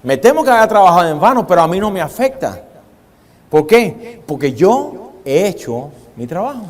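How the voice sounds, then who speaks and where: A man preaching a sermon as a pastor, dramatic, shifting his pace and loudness and putting questions to his congregation. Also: sits high, big pitch swings, moderate pace. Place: church hall with congregation. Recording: long hall reverb.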